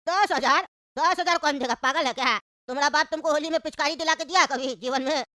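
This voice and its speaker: A woman's voice: high-pitched, steady tone, racing, a bit bright, no room sound, clean studio sound. A woman voicing a grumpy, stingy old uncle in a cartoon who complains constantly. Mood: grumbling. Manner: complaining, quarrelsome. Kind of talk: cartoon voice acting.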